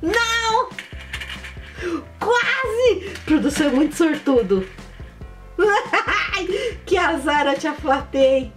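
A woman hosting a children's channel, playing a board game in an excitable, sing-song presenter way with lots of exclaiming. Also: high-pitched, takes it slowly. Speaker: kids' channel host. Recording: voice a bit far from the mic, faint music.

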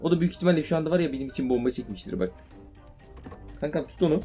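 A young man commentating his own mobile shooter game, shouting and swearing in fights, then calming himself down. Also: a little high, racing. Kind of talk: live gameplay commentary. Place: indoors at home playing on a tablet. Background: game gunfire and music.

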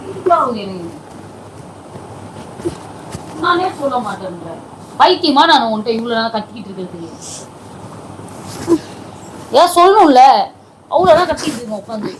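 A woman's voice: fairly high pitch, very animated, brisk, pauses often, a little hiss or hum, rough recording. Nagging woman scolding. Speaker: comedy video creator. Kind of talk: scolding home comedy sketch.

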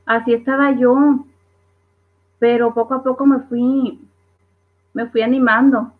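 Lady on a live, reads comments out loud, bit high voice, phone-ish audio. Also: little pitch movement, measured pace. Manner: reads viewer comments aloud with laughs. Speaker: livestream host. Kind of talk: casual live chat reading comments. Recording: tinny phone-like livestream audio.

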